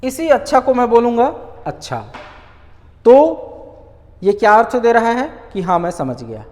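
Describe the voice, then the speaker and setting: A male Hindi grammar teacher giving an online lesson. He asks rhetorical questions, answers them himself, and repeats key words slowly. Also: extremely high pitch, big pitch swings, a little mellow, big-room sound.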